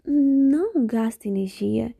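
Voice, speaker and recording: A young woman with a Bahian Brazilian accent talks through a casual solo podcast, rambling, reflective and often interrupting herself. Her voice sits a little high with a gravelly edge and a mellow tone. The sound is dry and close. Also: lively intonation, slow pace, dry recording. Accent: Bahian Brazilian Portuguese. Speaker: podcast host.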